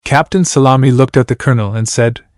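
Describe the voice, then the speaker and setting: A man's voice: mid-range voice, fast talker, darkish tone, no room sound, clean studio sound. A man from Iran narrating his novel aloud, voicing every character in the same plain reading voice and announcing each speaker's name. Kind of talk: flat audiobook narration.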